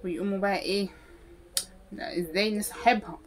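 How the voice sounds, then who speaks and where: A woman's voice: mid-range voice, steady tone, a little fast. A woman with an Egyptian accent delivering a sarcastic, scolding comic monologue. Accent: Egyptian Arabic. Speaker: comedy sketch creator. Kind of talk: comedic monologue to camera.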